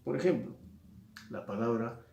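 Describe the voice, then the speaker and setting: A male teacher, explaining a lesson slowly and repeating and stressing key words. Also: medium pitch, animated, creaky, mellow, a little hiss or hum. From Peru. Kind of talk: recorded lesson. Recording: echoey room, mic at a distance.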